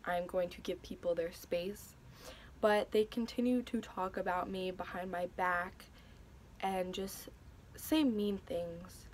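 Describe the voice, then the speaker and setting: A young vlogger tells a personal story in a lowish, fairly even voice, speaking slowly. She's hesitant and emotional, with many fillers and restarts, and there's a little hiss or hum.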